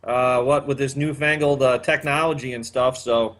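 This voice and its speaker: A man's voice: medium pitch, fairly even intonation, normal speed, fairly bright tone. Rambling fifty-something male host. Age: 50s. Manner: rambling, many "uh" fillers. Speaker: podcast host. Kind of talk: casual chat.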